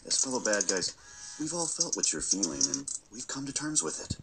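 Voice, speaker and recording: A man voicing a calm, supportive video game villain who leads a group in an animated film, measured and consoling. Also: mid-range voice, natural voice. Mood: calm reassurance. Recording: noisy, filmed off a screen.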